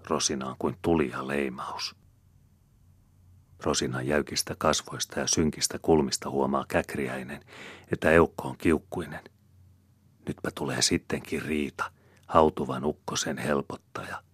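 A man narrating an audiobook in a measured way, often dropping to near-whispers. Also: rumbling low, steady tone, slightly rough, no room sound. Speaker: audiobook reader.

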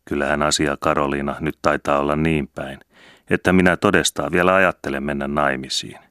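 A man's voice: low-pitched, a bit bright, no room sound, clean studio sound. A man voicing a sly, teasing old widower, the brother in a story reading, speaking in a playful chuckling way. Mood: earnest.

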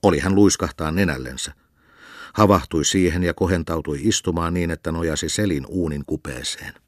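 Male audiobook reader, very low voice, even storytelling, dry close mic. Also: dry recording. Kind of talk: scripted narration of a novel.

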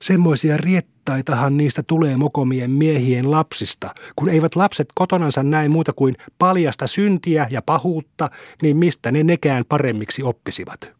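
A man's voice: on the high side, no echo, studio quality, natural voice. A man reading aloud, voicing a quarrelsome middle-aged peasant wife who talks in a scolding, contemptuous way. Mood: indignant.

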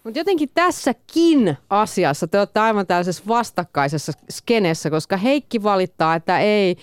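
A woman's voice: medium pitch, animated, clean tone, no room sound. A woman hosting a live radio talk show in a studio, teasing her guests as she steers the chat. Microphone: studio microphone.

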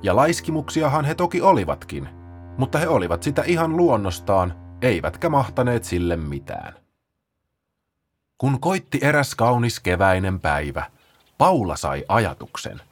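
A man reading a children's story aloud as narrator, in a playful, expressive way. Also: mid-range voice, faint music behind.

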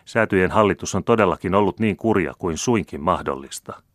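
A man's voice: sits low, a bit bright, no echo, studio quality, voice pushed up. A man voicing an earnest young nobleman. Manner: earnest, pleading.

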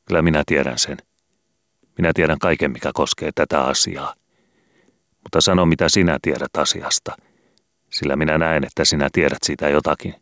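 A man voicing a lazy, languid young male detective who speaks in an unhurried drawl. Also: extremely low pitch, fairly even intonation, fairly bright tone, dry recording, clean studio sound.

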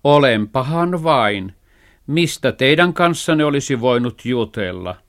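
A man voicing a sulky talking cow in a children's story reading, drawing out his words slowly. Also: medium pitch, animated, voice pushed up, natural voice. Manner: drawn-out, slow drawl.

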